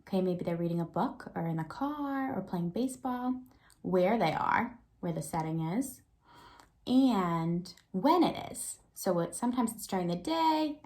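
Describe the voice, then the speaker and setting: Reading to young children during a lesson, this woman teacher pauses to think aloud, asking prompting questions and adding check-in tags. Her voice is mid-range with a darkish tone.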